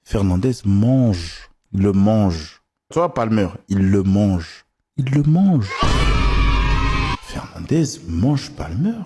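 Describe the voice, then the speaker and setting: A young man chatting casually to his viewers, telling animated stories in street slang. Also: on the low side, slow pace, noisy background. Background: music playing.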